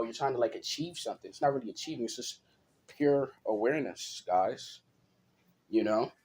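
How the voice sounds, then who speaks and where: Casual male vlogger, mid-pitched, loose and rambling with lots of fillers, over a faint hiss. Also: a little mellow. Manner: rambling, filler-heavy, keeps asking "you know what I'm saying". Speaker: spiritual vlogger. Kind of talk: casual motivational talk.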